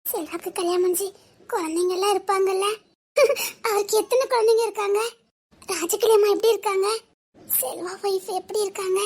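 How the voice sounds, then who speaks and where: A woman's voice: very high voice, fairly quick, pauses often, darkish tone. An actress playing a grieving young woman talking with her friend, with an emotional, tearful delivery. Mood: hushed. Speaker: actress in a family drama. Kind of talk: melodramatic dialogue scene.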